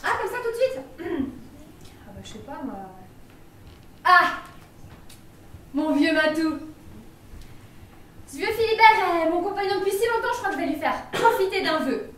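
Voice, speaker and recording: A woman's voice: extremely high pitch, animated, a little slow, long pauses, fairly bright tone, heavily acted. A woman playing a flustered, fond lady, hesitant and exclamatory, in a comic drama. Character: flustered, fond woman granted wishes by a genie. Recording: very echoey, far from mic.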